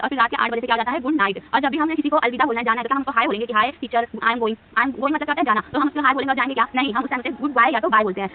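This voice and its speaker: A woman teacher with an Indian accent, explaining a lesson at a board, asking questions and answering them herself. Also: high voice. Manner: asks and answers her own questions, repeats words. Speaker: English teacher. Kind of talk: whiteboard lesson. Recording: tinny lo-fi phone-like recording with faint hiss.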